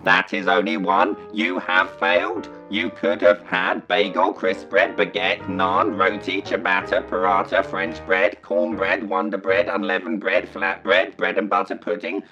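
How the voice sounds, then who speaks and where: A man's voice: sits low, little pitch movement, a little slow, gravelly, few pauses, sharp tone, highs cut off, faint music behind, full character voice. A man voicing a bossy, impatient male Dalek quizmaster through a robotic voice modulator, barking staccato commands. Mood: scornful.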